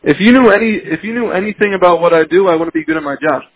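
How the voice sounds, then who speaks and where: A police officer appears as a podcast guest on a profane, bantering phone chat, ribbing in a blunt, combative, swearing style. His high, gravelly voice is very fast, and the recording is dry and rough.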